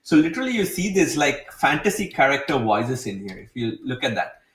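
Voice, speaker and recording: A man's voice: mid-range voice, very animated, a little fast, fairly bright tone, recorded from a distance. A man hosting a casual screen-share tutorial, talking enthusiastically in a rambling way full of fillers. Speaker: host demonstrating software. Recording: roomy sound, away from mic.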